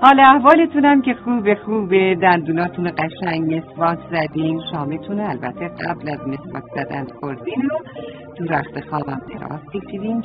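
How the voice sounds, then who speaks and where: A woman narrating a children's bedtime story, tender and speaking straight to the little ones. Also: fairly low pitch. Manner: tender, addressing children directly. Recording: tinny phone-like sound.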